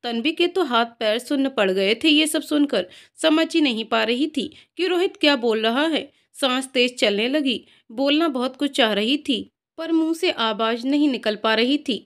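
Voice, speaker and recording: A woman narrates a scripted moral story in a steady, even reading manner. Her voice sits high for a woman, and her delivery is plain and measured.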